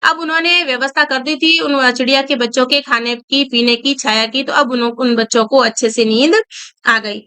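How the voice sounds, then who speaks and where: A woman's voice: high-pitched, fairly even intonation, normal speed, bright, forceful tone, clear, resonant tone. A woman reading a story aloud to students and explaining each line in simple words. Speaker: Hindi teacher.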